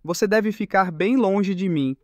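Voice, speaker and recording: A steady, self-assured young hero from a comic recap, read by a man. The voice is fairly high, close to the mic and dry. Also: unhurried, no room sound. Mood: cold.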